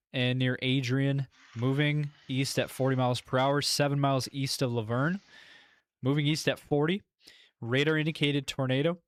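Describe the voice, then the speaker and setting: A man's voice: medium pitch, no room sound. A man hosting live severe weather coverage, commenting with concern and repeating key points. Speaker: severe weather livestream host.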